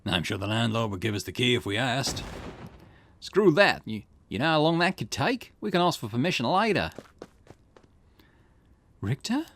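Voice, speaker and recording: Reading detective game dialogue for his let's play, a man in the mid-range swings his pitch widely at normal speed, pausing often. His tone is fairly bright, with a little hiss or hum and game music underneath.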